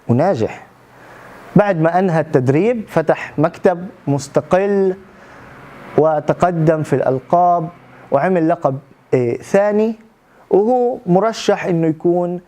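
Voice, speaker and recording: Man with a high voice; an animated motivational storyteller who speaks straight to the crowd. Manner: animated, addresses the audience directly. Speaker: public speaking trainee.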